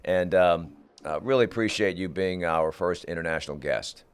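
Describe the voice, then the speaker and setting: A man's voice: deep voice, moderate pace, clean tone. A man hosting a talk show, chatting with his guests in an upbeat, playful way. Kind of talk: casual interview chat.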